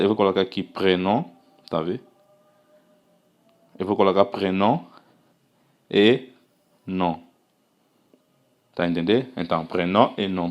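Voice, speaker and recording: Casual tutor: an African man, lowish voice, teaching at a slow and patient pace, repeating each example. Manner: patient, repetitive, checks understanding with "tá vendo?"; slowly drawn-out example phrases. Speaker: language teacher. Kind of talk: casual spoken language lesson.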